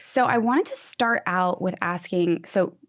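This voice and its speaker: Female podcast host, casual, lowish voice, gentle restarts. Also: a little slow. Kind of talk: casual interview chat.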